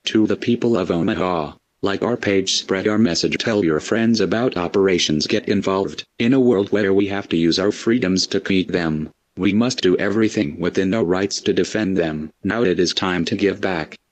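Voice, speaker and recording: Man, disguised deep voice, pitched down, flat measured delivery, ominous scripted statement, dry muffled lo-fi sound. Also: no echo. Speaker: anonymous spokesman.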